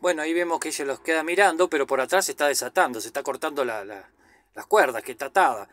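A man's voice: a little high, quick pace, a bit bright, slight background noise. Chatty man recapping a film. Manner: chatty, loose retelling with slang asides and fillers. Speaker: film commentator. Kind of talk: casual movie recap.

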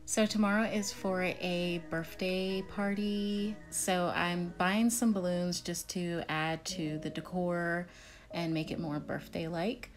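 A young woman speaks in a slightly low register, narrating her vlog casually with fillers and an upbeat, chatty flow. Faint music plays beneath her voice-over. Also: steady tone, slow pace. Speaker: vlogger and picnic planner.

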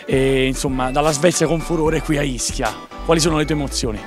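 A man's voice: on the high side, fairly even intonation, a little fast. A man working as an interviewer at an event, putting polite, wordy questions. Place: outdoor street at night. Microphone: handheld interview microphone. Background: music.

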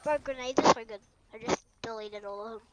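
A woman's voice: fairly high pitch, quick pace, heavy background noise. A woman giving casual, playful commentary while playing a game, singing bits and making silly sound effects. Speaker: gaming channel host.

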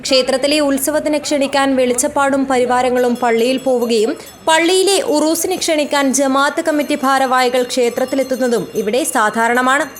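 A woman's voice: high-pitched, fairly quick. A woman reading a scripted news report as a voice-over narrator.

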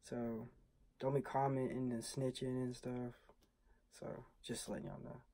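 A teenage boy chats casually to his viewers in a laid-back, slangy way. His voice sits at an ordinary pitch with a mellow, soft tone, recorded close on a phone indoors. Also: flat delivery, unhurried, dry recording. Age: teens. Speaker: vlogger host. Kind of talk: casual vlog chat. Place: indoor room.

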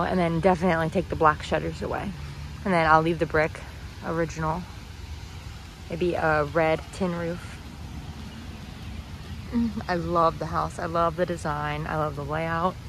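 A woman vlogging casually while touring a house and garden, gushing and chatty. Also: sits low. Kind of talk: casual vlog narration. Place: outdoors and indoors touring a house. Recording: noisy handheld camera audio.

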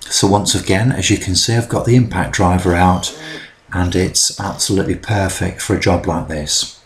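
A middle-aged man talks through his DIY work in a relaxed, explanatory voice-over. His voice sits very low, and he fills the gaps with frequent ums. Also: normal speed, a little hiss or hum. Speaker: DIY vlogger. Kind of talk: instructional voice-over narration.

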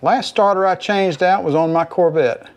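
A man's voice: sits high, normal speed, lo-fi sound. A middle-aged man with a Southern US accent who hosts a garage channel. He narrates casually as he works on a car, rambling and talking to the viewers as folks. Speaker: home mechanic host. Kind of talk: casual how-to narration while working. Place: home garage, working under a car.

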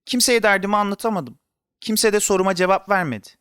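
A high-pitched, bouncy little boy, put on by a male narrator, pestering everyone with questions. His voice swings up and down with childish impatience. The recording is close and dry, with no room sound. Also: big pitch swings, a little fast, a bit bright, no echo. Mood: upset. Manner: eager, insistent questioning.

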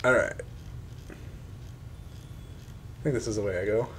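A man's voice: on the low side, measured pace, a little hiss or hum. A man hosting a casual let's-play, chatting playfully and slipping into sing-song sound effects. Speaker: gaming video host.

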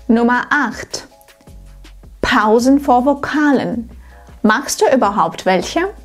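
A woman coaching German pronunciation in a scripted tutorial to camera, slow and clearly articulated, like a teacher. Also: on the high side.

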